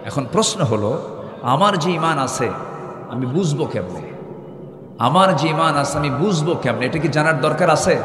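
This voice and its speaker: A man preaching a Bengali waz sermon to a large gathering, pushing the crowd to call back louder and building repeated phrases up into shouts. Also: fairly high pitch, expressive, normal speed, long pauses. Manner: fiery call-and-response, pressing the crowd to answer louder. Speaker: Islamic preacher. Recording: echoey hall with long reverb.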